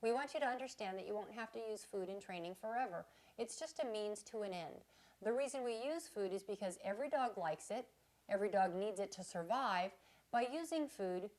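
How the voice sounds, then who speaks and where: A woman dog trainer speaking clearly and plainly. She explains her method step by step, in an instructive tone. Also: mid-range voice, normal speed, darkish tone. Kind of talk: instructional demonstration.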